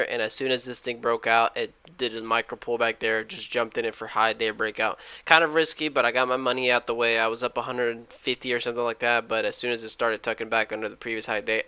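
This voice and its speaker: A man recapping his day trades at home, talking fast and loud and often correcting himself. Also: medium pitch, clean tone, no room sound. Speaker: day trading YouTuber. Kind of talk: screen-share trade recap. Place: at home, alone.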